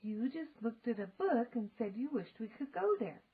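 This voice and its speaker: A woman voicing an excitable, bold young girl in a children's storybook, eager and matter-of-fact. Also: on the high side, moderate pace, husky, phone-quality sound, heavily acted. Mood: eager, assured. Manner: eager, exclamatory.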